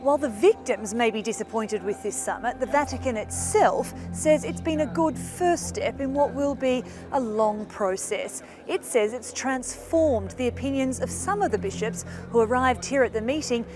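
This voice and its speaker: A woman reporter gives a crisp, scripted report to camera at a somewhat high pitch. Music plays clearly behind her. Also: expressive, moderate pace, few pauses. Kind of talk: news report piece to camera. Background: music bed.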